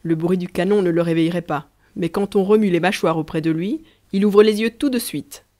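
A woman voicing an earnest, blunt male farm laborer, gruff and emphatic in a storybook reading. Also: fairly low pitch, a little fast, warm tone, close to an everyday voice. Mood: amused.

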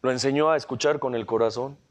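A man's voice: medium pitch, fast. A man with a Mexican accent giving an emotional motivational talk at a recovery group meeting, earthy and full of coarse slang.

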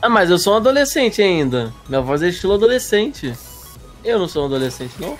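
A man's voice: high voice, very animated, fast talker. A man with a Brazilian accent chatting casually on a game stream, mildly protesting and self-deprecating. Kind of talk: casual chat on a gaming stream. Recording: music playing behind. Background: music.

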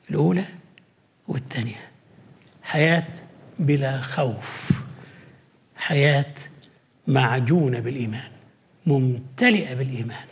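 A man with an Egyptian Arabic accent preaching a Bible study sermon, moving from soaring emphatic lines to hushed asides. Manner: dramatic, swings between soaring high emphasis and hushed low asides; acts out God's voice answering the doubter. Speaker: pastor.

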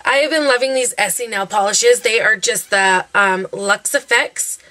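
A woman's voice: medium pitch, moderate pace, sharp tone. A young woman reviewing her favorite beauty products in a chatty, gushing way, full of fillers like "um" and "like". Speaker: beauty vlogger.

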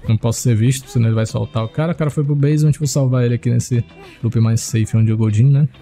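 A man giving excitable live commentary as he plays a horror game, chatting to his viewers and jumping to high yelps when he panics. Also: fast talker, soft background music. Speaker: streamer playing a horror game.

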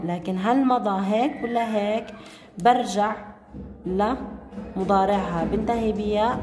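A woman teacher leads a grammar lesson, calling on pupils by name. She repeats each rule slowly, word by word. Her voice rings in an echoey classroom with a long reverb and faint room noise. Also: mid-range voice, a little mellow.

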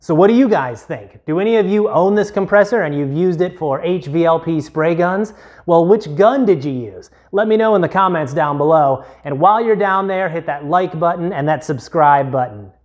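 A man's voice: a little high, expressive, normal speed, a little mellow, highs cut off. A man in his thirties hosting a tool review channel, explaining a test step by step in a plain, methodical way from a home garage on a lapel mic. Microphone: clip-on lapel mic.

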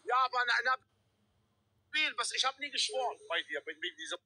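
A middle-aged man joins a livestream on a handheld phone over a video call, chatting in slang and insisting on his point, swearing oaths and repeating himself. His voice is extremely high, pushed, bright and husky, with big pitch swings at a normal speed and no echo.

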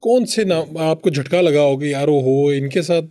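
Higher-voiced Pakistani male host. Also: moderate pace, warm tone. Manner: asks long, building questions with small agreeing noises. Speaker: podcast host. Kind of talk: interviewer asking questions.

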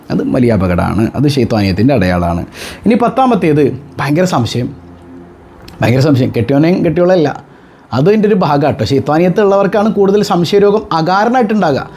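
A man, a religious teacher giving an animated talk to his followers, full of rhetorical questions and joking asides. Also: sits high, creaky, slight background noise.

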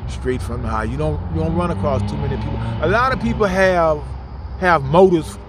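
A man's voice: fairly high pitch, fairly quick. Earnest middle-aged man outdoors. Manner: heartfelt, repetitive, stumbling storyteller. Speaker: interviewee. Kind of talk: candid street interview. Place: outdoors in a city park. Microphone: phone camera held close. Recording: outdoor street noise, traffic.

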